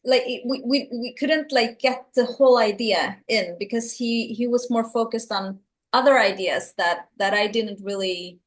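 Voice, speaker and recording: Speaking a little slowly in a fairly high voice, this middle-aged Salvadoran filmmaker answers an interviewer's questions with earnest care. Her English carries a Swedish and San Francisco accent, and she frequently repeats words while hunting for the right one.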